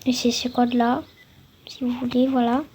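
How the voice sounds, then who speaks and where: Halting high-voiced young woman. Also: completely flat delivery, background noise. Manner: hesitant, halting, many fillers and restarts. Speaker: game tutorial maker. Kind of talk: casual game tutorial voice-over.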